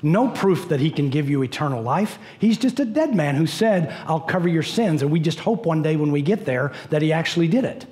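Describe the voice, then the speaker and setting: A middle-aged man preaching a sermon as pastor, animated, pacing a church stage. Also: a little high, a little fast, hardly any pauses. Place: church stage in a large dim hall.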